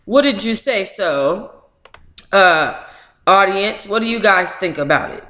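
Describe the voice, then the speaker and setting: At medium pitch, slow yet animated and sharp in tone, a middle-aged woman hosts a book club livestream. She talks candidly, reads aloud, and drops colloquial asides, all in a roomy room with noticeable echo.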